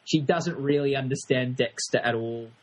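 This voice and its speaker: A man's voice: medium pitch, normal speed. A man co-hosting a podcast, giving drily critical opinions in a casual, hesitant way with many restarts. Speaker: podcast co-host. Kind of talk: casual review chat.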